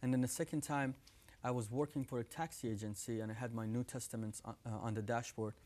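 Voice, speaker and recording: A man in his thirties from Iran, whose first language is Farsi, earnestly gives his testimony as a guest in a studio interview, speaking with an Iranian accent into a lapel mic. His medium-pitched voice is a little mellow, his intonation fairly even, and he talks fast. He gestures with his hands on a TV studio set decorated like a living room.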